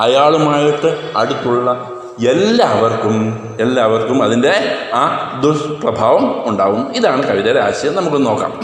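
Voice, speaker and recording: A male teacher explains a poem to students, asking many questions and reciting verse lines slowly. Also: on the high side, slight background noise. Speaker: Hindi teacher. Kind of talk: classroom lesson explaining a poem. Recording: echoey room with long reverb.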